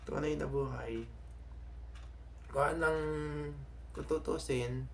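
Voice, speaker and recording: A young Filipino man vlogging to his subscribers in a casual, halting way, often stopping to restart and correct himself. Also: mid-range voice, slight background noise. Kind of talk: casual vlog talk to subscribers.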